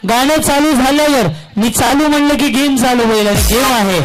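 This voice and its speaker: A man's voice: extremely high pitch, normal speed, poor audio. A man hosting a balloon game at a public event, teasing the crowd and repeating instructions. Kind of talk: lively crowd emcee patter. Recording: music loud behind PA voice.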